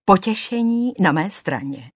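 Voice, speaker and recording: A woman voicing a sly, persuasive devil who works as a tattooist, in a husky voice. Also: mid-range voice, very animated, dry recording, studio quality, pitched above the performer's own voice. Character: smooth, hairy-handed tattooing devil.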